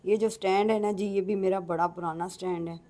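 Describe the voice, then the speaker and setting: A woman's voice: medium pitch, steady tone, fairly quick, mellow. A middle-aged woman with a Punjabi accent, chatting in a folksy way as a home cook in a casual cooking vlog and addressing viewers politely.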